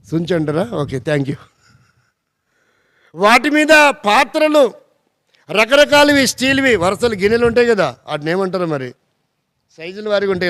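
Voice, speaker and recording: A man's voice: high-pitched, vocal fry, no room sound. A male pastor preaching a sermon, telling stories and acting out the dialogue with animation. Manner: animated, acts out dialogue in a rising voice. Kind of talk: sermon with storytelling.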